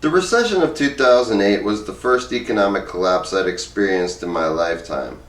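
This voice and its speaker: Animated and a little fast, this fairly low-pitched male presenter reads from a book in a relaxed, down-to-earth manner. He voices both parties in the interviews himself. Echo and a distant mic make the room feel large.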